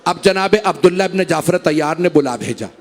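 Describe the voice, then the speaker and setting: A cleric from Pakistan preaching a mourning sermon in a gathering hall, in a sorrowful, impassioned way. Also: male voice, fairly high pitch, a little fast. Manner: sorrowful, impassioned delivery that rises into cries. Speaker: Shia cleric preaching a majlis.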